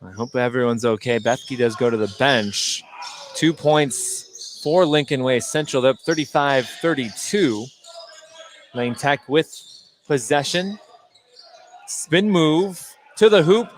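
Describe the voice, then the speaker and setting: A slow, medium-pitched American man announces a basketball game live from the edge of an indoor court. Ball bounces and gym clamor make the recording noisy.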